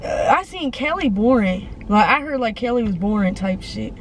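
A woman's voice: a little high, expressive, moderate pace. A 20-year-old woman from Wisconsin, a guest chatting bluntly and offhand in a parked car. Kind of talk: casual chat. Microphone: camera on dashboard. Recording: noisy car interior.

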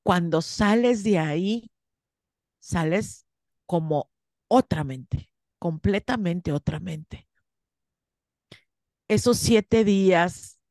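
A woman's voice: mid-range voice, a little mellow, dry recording, clean studio sound. A woman, a guest in an interview, earnestly telling a personal story and acting out her own past words. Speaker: interview guest, spiritual course teacher.

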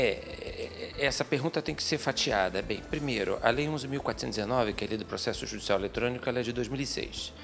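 Measured middle-aged man explaining methodically. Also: medium pitch, gravelly. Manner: measured, methodical, with frequent hesitation fillers. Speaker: lawyer and guest speaker. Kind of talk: explanatory interview answers. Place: small office with bookshelves, indoors. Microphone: handheld interview mic.

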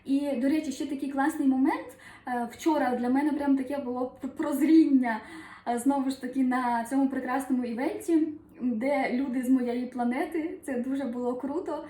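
A woman with a Ukrainian accent, a numerologist talking to her viewers in a chatty, lively motivational monologue full of fillers and acted-out asides. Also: high-pitched, normal speed, roomy sound. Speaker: numerologist and self-help vlogger.

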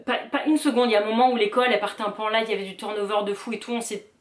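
A woman in her thirties talks to camera in a chatty, earnest way, stumbling and restarting often. Her voice sits at a middle pitch. The room around her is roomy and echoey. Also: steady tone, very fast. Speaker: vlogger. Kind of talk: casual advice vlog.

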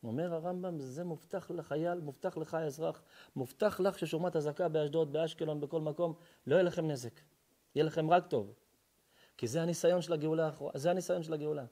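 A man, a rabbi, preaching a sermon with passion, swinging between hushed asides and loud chanted verses. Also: fairly high pitch.

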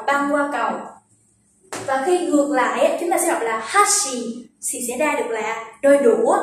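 A young woman teaching Japanese vocabulary, patiently explaining and slowly repeating words to show their pitch accent. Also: slight background noise. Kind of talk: vocabulary lesson. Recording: very echoey room, distant from the mic.

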